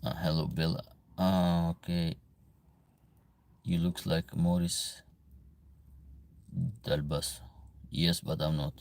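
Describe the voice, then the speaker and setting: A man's voice: deep voice, level tone, slow, long pauses, darkish tone. A man from Albania with an Albanian accent, chatting casually on a livestream as he reads viewer comments aloud and answers them. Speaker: livestream host, veterinarian.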